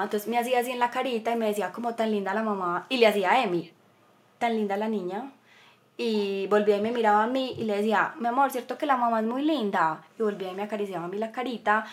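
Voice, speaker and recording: A young woman telling a personal story as a podcast guest, earnest, moving between animated and hushed. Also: medium pitch.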